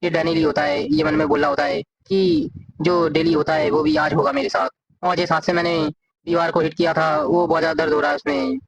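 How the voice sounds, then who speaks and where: A man narrating a comic story in a casual, rapid, run-on retelling, reading the characters' lines aloud as he goes. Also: fairly high pitch, sing-song, no room sound, rough recording.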